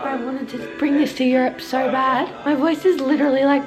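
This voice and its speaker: A young woman in her early twenties, chatty and gushing in a casual vlog, her voice hoarse from losing it. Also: high-pitched, steady tone, a little fast. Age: early 20s. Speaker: vlogger. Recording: background music.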